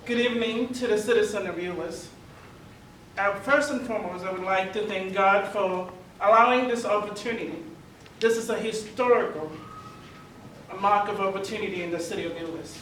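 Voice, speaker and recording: Man speaking, high and echoey. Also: moderate pace, fairly bright tone. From Tonga. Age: 50s. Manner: earnest, repetitive rhetorical questions. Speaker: mayoral candidate. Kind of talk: candidate forum speech. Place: large meeting hall. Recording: echoey hall from far off, faint noise.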